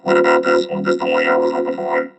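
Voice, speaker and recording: A rumbling, gravelly disguised voice from a deep robotic voice changer. Its pitch still swoops around, and music plays loudly behind it. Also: male voice, monotone, fast, heavily acted. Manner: asking chat how the voice sounds. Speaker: streamer. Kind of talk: casual live-stream chat.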